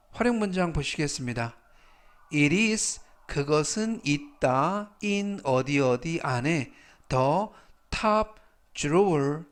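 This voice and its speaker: Slow, deliberate Korean-speaking English teacher. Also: male voice, on the high side. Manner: spells out pronunciation, repeats each word slowly. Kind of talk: slow explanatory vocabulary lesson.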